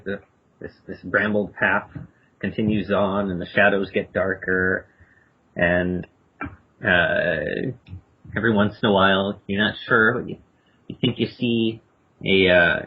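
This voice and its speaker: A man narrating a tabletop game as game master, halting and repeating words as he describes the scene. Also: lowish voice, husky. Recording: tinny phone-like podcast audio.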